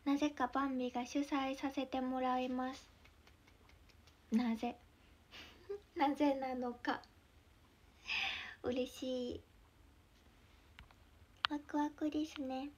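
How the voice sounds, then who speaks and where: Young woman with a Mie accent, high bright voice, giggly casual livestream host, slips into whispers. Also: fairly even intonation, slow pace, long pauses, a little hiss or hum. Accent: Mie dialect. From Mie Prefecture, Japan. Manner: chatty, giggly, drifts into soft whispers. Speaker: idol livestreamer.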